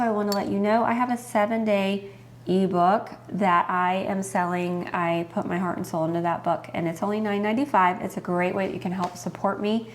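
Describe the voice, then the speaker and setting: A woman's voice: medium pitch, slight background noise. A middle-aged woman hosting her home cooking channel, chatting earnestly and heartfelt to her viewers. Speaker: host. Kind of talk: casual chat to camera.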